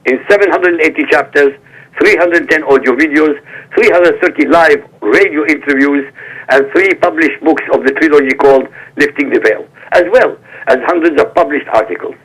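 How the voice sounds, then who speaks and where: Calling in to a talk show, a man whose native language is Arabic reads out a prepared statement in a formal, forceful manner. He speaks at normal speed with a fairly high, somewhat bright voice, heard through a phone line.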